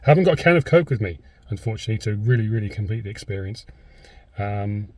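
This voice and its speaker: A British man with a slightly husky voice gives a casual, rambling food review to camera, hesitating as he goes, recorded inside a car. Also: on the low side, lively intonation, quick pace, a little mellow.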